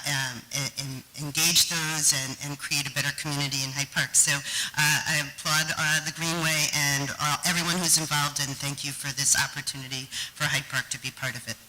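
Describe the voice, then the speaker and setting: A town supervisor giving halting remarks at a public board meeting, with many fillers and restarts. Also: mid-range voice, pushed and bright, poor audio. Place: meeting room.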